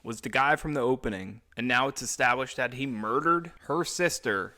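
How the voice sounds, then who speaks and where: A man giving casual, excitable commentary as he reacts to a movie, blurting out reactions and swearing. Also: mid-range voice, moderate pace.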